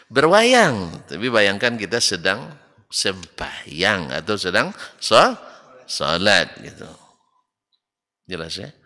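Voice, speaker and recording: Lively man teaching in a hall. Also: fairly low pitch. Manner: lively, asks the audience rhetorical questions and acts out both sides of an exchange. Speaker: Islamic religious teacher. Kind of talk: religious study lecture. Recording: long reverb of a large hall.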